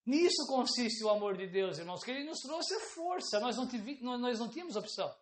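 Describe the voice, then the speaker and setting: A woman's voice: fairly high pitch, animated, fairly quick, reverberant. A woman preacher delivering an emphatic sermon, often calling out rhetorical questions to the congregation.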